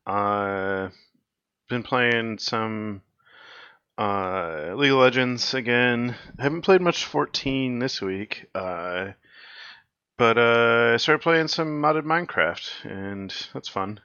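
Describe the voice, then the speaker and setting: A laid-back man with a low, bright-edged voice, chatting on a gaming podcast. He laughs often and trails off, heard through a dull, muffled lo-fi mic with a dry sound. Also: takes it slowly, clean tone, no echo. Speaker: podcast co-host. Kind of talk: casual gaming podcast chat.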